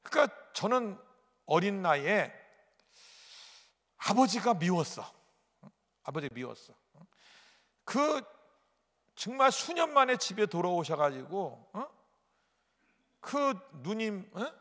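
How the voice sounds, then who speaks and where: A male pastor preaching a sermon, telling a personal story dramatically with sudden loud outbursts and repetition. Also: high voice, very animated, slow, pauses often. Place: large church sanctuary. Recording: echoey church hall.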